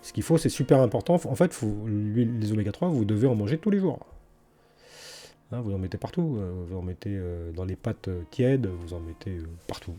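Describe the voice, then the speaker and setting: A man's voice: fairly low pitch, animated, a little fast, dark tone, soft background music. A man in a casual garden vlog, talking colloquially with many hesitations and restarts, and blunt, enthusiastic opinions. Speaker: vlogger talking about his garden.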